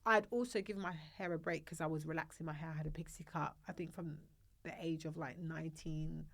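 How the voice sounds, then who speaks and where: A woman's voice: low voice, quick pace. A woman, a podcast guest chatting casually and acting out family moments. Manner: animated storyteller, acts out her kids' voices. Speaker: podcast guest, hairstylist and salon owner. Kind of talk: casual chat.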